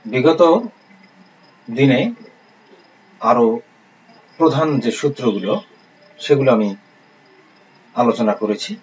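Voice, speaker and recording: A man teaching a recorded online lesson, speaking in a calm, measured way and reading out lists of words slowly. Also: mid-range voice. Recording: slightly dull lo-fi recording with faint hiss.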